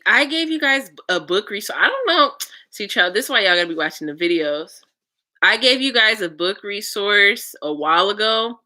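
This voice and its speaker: A young woman talks straight to her viewers in a loose, casual vlog. Her voice is bright and ringing, and she tells her stories frankly, swearing freely and laughing between lines. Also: on the low side. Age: young adult. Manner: chatty, laughs often, frank and profane. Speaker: vlogger.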